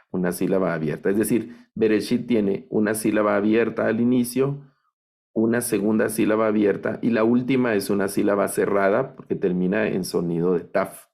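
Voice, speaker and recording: A man teaching an online class, patiently repeating each word slowly for his students. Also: on the low side, creaky, darkish tone. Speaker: Biblical Hebrew teacher.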